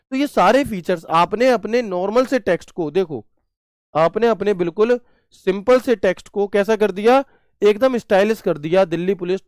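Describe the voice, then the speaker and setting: A man's voice: high voice, a little mellow, clear, resonant tone, no echo, clean studio sound. A man teaching a computer class online, chatty, asking questions and answering them himself with homely examples.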